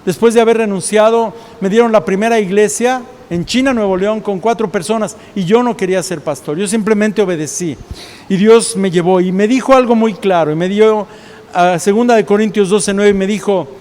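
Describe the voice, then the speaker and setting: Mexican pastor, high male voice, storytelling sermon in a reverberant church hall. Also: brisk, darkish tone. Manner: storytelling preacher, acts out quoted voices.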